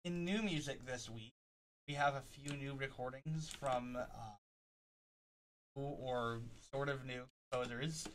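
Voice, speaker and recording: A man hosting a casual news rundown, halting often with fillers and restarts. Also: medium pitch, a bit bright, a little hiss or hum, rough recording. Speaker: podcast host.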